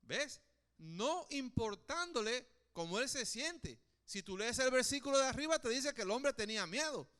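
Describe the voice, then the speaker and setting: A man with a high, bright voice preaching with lively conviction. His tone is clear and crisp, and he keeps tossing short questions to his listeners as he drives each point home. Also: moderate pace. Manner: animated, asks the congregation questions often. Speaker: pastor. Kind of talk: sermon.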